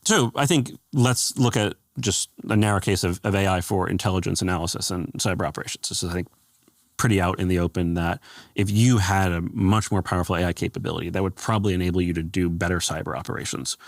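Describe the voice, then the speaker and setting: Man, very low gravelly voice, dry booth sound; measured policy guest who pauses on fillers. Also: no echo. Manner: measured, thoughtful, with frequent fillers. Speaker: guest, former government AI adviser. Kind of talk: interview answers.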